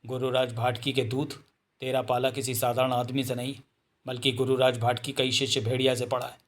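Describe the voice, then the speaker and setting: A man's voice: medium pitch, little pitch movement, fairly quick, close to an everyday voice. A man voicing a fierce, proud wolf-man warrior who speaks sternly and defiantly.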